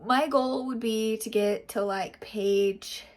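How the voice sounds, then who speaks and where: A young woman book vlogger with a cold gives a rambling, filler-heavy reading update in casual chat. Her congested, nasal voice sits on the high side and moves slowly.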